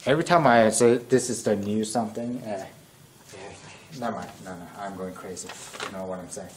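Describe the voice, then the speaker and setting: During a casual classroom lesson, a young man solves a math problem at the whiteboard, thinking aloud and self-correcting in a lowish, fairly quick voice. The strain in it suggests he's losing it. A camera mic far away captures room echo and faint noise.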